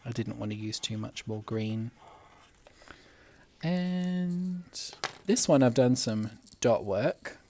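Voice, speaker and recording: A young man, a primary school teacher, gently talking children through a drawing step by step. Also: fairly low pitch, fairly even intonation, a little hiss or hum. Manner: gentle, unhurried, talks while drawing. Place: classroom at school.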